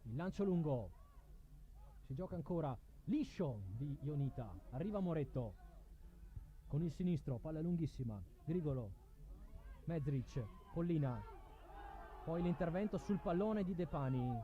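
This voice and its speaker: A man's voice: fairly high pitch, animated, a little slow, pauses often, highs cut off. A man calling a live football match play by play, calling players' names in short bursts. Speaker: football commentator.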